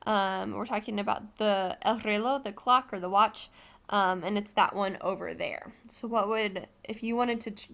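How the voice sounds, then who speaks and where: A woman's voice: medium pitch, a bit bright. An American woman Spanish teacher giving a recorded classroom lesson, explaining patiently step by step with frequent ums.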